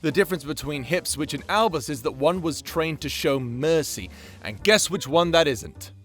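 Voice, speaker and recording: Soft background music accompanies a man who runs and hosts a fan-oriented channel, chatting informally with sweary, rambling remarks. He speaks at normal speed in a voice on the high side with a fairly bright tone.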